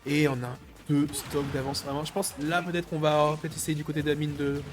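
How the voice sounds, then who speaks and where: A man's voice: on the high side, fairly even intonation, brisk. A man giving chatty colour analysis of a fighting-game final, with joking asides. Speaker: esports co-commentator. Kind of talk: live esports analysis. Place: esports venue. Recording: faint music underneath. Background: faint music behind the voice.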